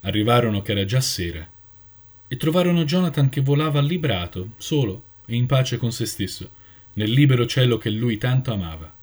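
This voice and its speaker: A man reading a story aloud with dramatic, expressive narration. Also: mid-range voice, brisk.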